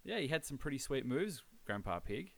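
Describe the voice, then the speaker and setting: A man's voice: medium pitch, very animated, moderate pace, no echo. An Australian man hosting a podcast in casual chat, with a laconic, laid-back drawl. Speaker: podcast host.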